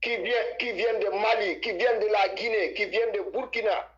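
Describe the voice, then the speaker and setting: A man's voice: sits high, steady tone, a little fast, a bit bright, muffled recording. A man from Senegal calling in to a live stream, talking emphatically with repeated words and restarts. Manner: emphatic, repetitive, stumbling restarts. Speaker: caller.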